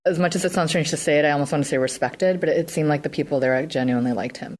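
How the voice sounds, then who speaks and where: A woman's voice: sits low, very fast, noisy background. A woman attorney speaking thoughtfully about a former client in a documentary interview.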